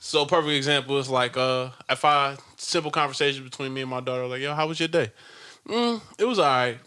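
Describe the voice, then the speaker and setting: A man co-hosting a casual podcast, relaxed and often laughing, acting out talks with his daughter. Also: medium pitch, brisk, clean tone. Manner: laid-back, laughs often, acts out dialogue with his daughter. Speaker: podcast co-host and father. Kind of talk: casual chat.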